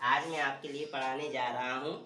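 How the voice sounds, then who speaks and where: Teaching an English grammar lesson, this man speaks at normal speed in a medium-pitched, bright, forceful voice with fairly even intonation. He poses questions and answers them, repeating key words, while faint music plays in an echoey room picked up by a distant mic with faint background noise.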